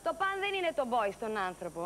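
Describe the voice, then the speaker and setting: A woman's voice: a little high, big pitch swings, heavy background noise. An actress playing a very tall, naive, shy young woman auditioning for a TV presenter job, with a coy, sing-song voice. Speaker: applicant for a TV prize-presenter job. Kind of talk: TV sketch comedy acting.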